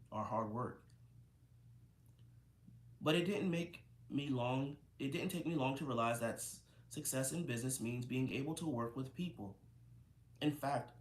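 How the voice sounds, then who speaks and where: A man reading a book aloud, often stumbling over words and correcting himself. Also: mid-range voice. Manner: stumbling, self-correcting reader. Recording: roomy echo, faint ambience.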